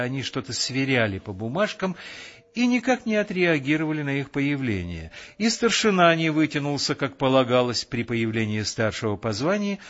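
A man calmly reading an audiobook narration in a measured way. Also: mid-range voice, muffled recording. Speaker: audiobook reader.

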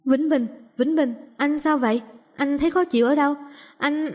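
A woman's voice: a little high, animated, quick pace, dark tone, long reverb tail, voice pushed up. A woman voicing a panicked young woman in a storybook reading, speaking anxiously and urgently.

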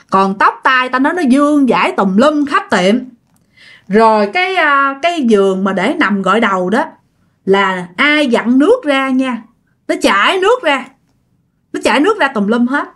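A woman's voice: a little high, a bit bright. A woman with a Southern Vietnamese accent narrating ghost stories in a chatty, casual way and speaking straight to her listeners. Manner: chatty, addresses listeners directly. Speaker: storyteller.

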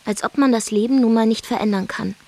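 A woman's voice: a little high, quick pace, a little mellow, no room sound. An actress narrating a radio drama monologue as a brash, defiant young woman from Zeeland, with a dry, wry storytelling manner. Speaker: first-person narrator.

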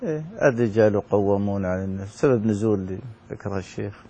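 A man's voice: on the low side, very fast, warm tone, lo-fi sound. A man teaching a religious class, breaking into the reading with short remarks that explain it. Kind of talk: teacher's spoken comments on a reading.

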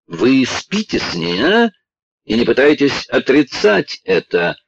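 A man reading an audiobook and voicing a hysterical, spoiled young lord with a shrill, whimpering manner. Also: wildly swooping pitch, slow pace, vocal fry, no room sound, muffled recording, full character voice. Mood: hateful.

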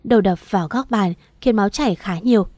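A woman narrates a story in a steady, measured reading. Her tone is dark and mellow, and the sound is dry and close to the mic. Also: medium pitch, no echo.

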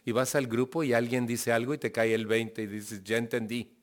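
Man, Mexican accent, medium pitch, conversational testimony, laughs often, talks to a group. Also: steady tone, moderate pace. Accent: Mexican Spanish. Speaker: speaker at a recovery group. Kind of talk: personal testimony talk.

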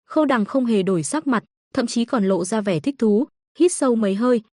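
A woman narrating a web novel audiobook with a steady storytelling delivery. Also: a little high, fairly quick, no echo, clean studio sound. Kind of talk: reading a web novel aloud.

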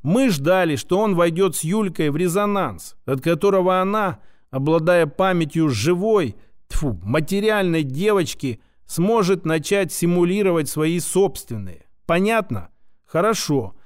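A man's voice: sits high, lively intonation, a little slow. A man voicing a sarcastic, abrasive plump female scientist who mocks and lectures. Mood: lecturing. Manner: mocking, name-calling, lecturing.

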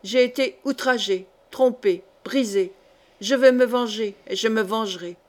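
A woman's voice: a little high, unhurried, darkish tone, natural voice. Female reader voicing a bitter middle-aged nobleman bent on revenge, grave delivery, storybook. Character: embittered vengeful nobleman, middle-aged man. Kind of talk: audiobook character reading.

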